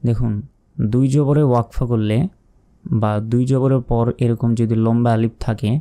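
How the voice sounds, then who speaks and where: A man teaching Quran reading step by step, patiently spelling out letters and chanting verses slowly. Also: medium pitch, warm tone, smooth. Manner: slow, drawn-out chanting of verses between plain explanations; patient, methodical spelling out of letters and vowel marks. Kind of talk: step-by-step recitation lesson.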